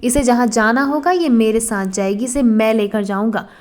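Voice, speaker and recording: A woman's voice: fairly high pitch, moderate pace, a little mellow, lightly acted. A woman voicing a defiant young groom who threatens his enemies in a cold, taunting way, read in a storybook. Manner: menacing, taunting.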